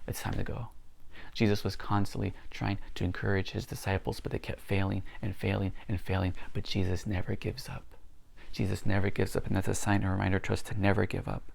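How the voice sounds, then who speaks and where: A man's voice: deep voice, completely flat delivery, a little fast, vocal fry, darkish tone. A man leading a daily Bible reading, retelling scripture in a conversational sermon style. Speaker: pastor.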